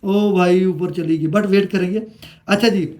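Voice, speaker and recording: A man's voice: high voice, fairly even intonation, a little slow, a little mellow. A man teaching trading in a casual screen-share lesson, chatty and affectionate, often pleading with viewers to like and comment. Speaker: trading tutor.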